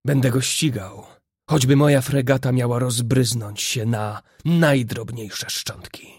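A man's voice: medium pitch, fairly even intonation, a little slow, darkish tone, husky, no echo, clean studio sound. A man voicing an impatient, stubborn frigate captain who barks orders with feverish urgency. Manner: fevered, commanding.

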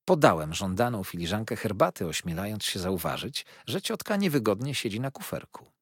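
A man narrating a novel as an audiobook in an expressive storytelling manner. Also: fairly low pitch, a little fast, slightly rough, no echo, clean studio sound.

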